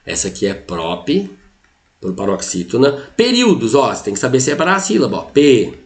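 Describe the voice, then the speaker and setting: A man's voice: mid-range voice, sing-song, fairly quick. A middle-aged man with a Brazilian accent, a Portuguese teacher going through exam answers step by step and checking in with the listener again and again. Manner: explains step by step, constantly says "ó" and "tá?".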